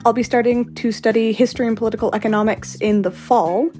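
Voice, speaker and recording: A woman's voice: fairly high pitch, steady tone, fast, warm tone. Hesitant teen girl, fresh graduate. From Canada. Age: teens. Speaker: recent high school graduate. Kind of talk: interview self-introduction.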